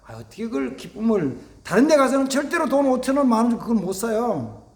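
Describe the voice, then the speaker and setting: A man preaching a sermon as pastor, animated, acting out family dialogues and dropping to near-whispers for emphasis. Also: very high voice, fairly quick, roomy sound. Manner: animated, acts out family dialogues in shifting voices. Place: church sanctuary.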